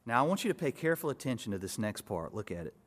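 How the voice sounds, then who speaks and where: A male pastor preaching an expository sermon, building to emphatic peaks and dropping to soft asides. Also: medium pitch, big pitch swings, very fast.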